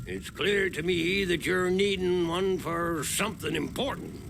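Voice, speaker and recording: A man's voice: high voice, a little slow, vocal fry, background noise. A man playing a grumpy but helpful old prospector in a video game, with a folksy, rustic way of talking. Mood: apologetic, helpful. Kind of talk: video game character acting. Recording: music behind the voice.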